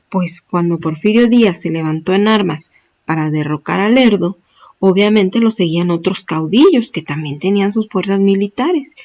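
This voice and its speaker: A woman's voice: fairly low pitch, a little mellow, highs cut off. Mexican woman teaching history, chatty. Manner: chatty, colloquial, many fillers and tag questions. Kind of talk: informal history lecture.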